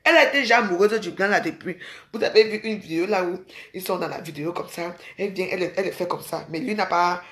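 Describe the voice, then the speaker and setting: A woman's voice: on the low side, quick pace, few pauses, fairly bright tone, roomy sound. A woman from Cameroon, rambling casually to her viewers and calling them sisters. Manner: chatty, addresses viewers as sisters. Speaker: vlogger.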